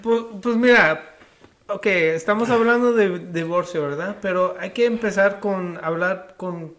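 A man's voice: high-pitched, unhurried, fairly bright tone. A man in casual chat who argues with statistics, mixing English words in and asking ¿verdad?.

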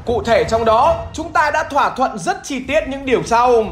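A woman's voice: high-pitched, expressive, moderate pace. A woman hosts a history show, telling it as scripted narration with a colloquial, emphatic storytelling manner. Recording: roomy echo with music.

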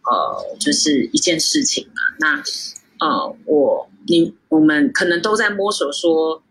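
一位三十多岁、在台湾长大的女侍酒师，通过远程连线接受访谈，说话随意，常笑，停顿和语气词很多。. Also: female voice, sits low, huge pitch swings, slow, creaky, fairly bright tone, slightly rough, poor audio. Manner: chatty, laughs often, many fillers. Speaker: guest sommelier. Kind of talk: casual interview over a remote call. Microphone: video call.

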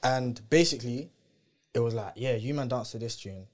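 A man's voice: medium pitch, moderate pace. A young adult man with a London roadman accent and heavy street slang, telling stories in a casual chat. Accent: London, urban roadman slang style. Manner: slangy roadman delivery with frequent "innit", "bro" and "fam". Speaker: guest, dancer.

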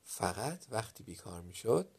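A man narrating a children's story dramatically, dropping to a hush at some moments and getting loud at others. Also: fairly low pitch, big pitch swings, vocal fry, breathy edge. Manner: dramatic, loudness swinging from hushed to loud.

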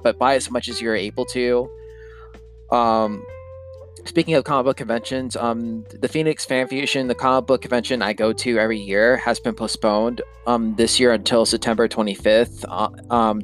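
A man hosting his own podcast, talking to his listeners in an easygoing, conversational way. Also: mid-range voice. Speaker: podcast host. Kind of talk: casual solo podcast talk.

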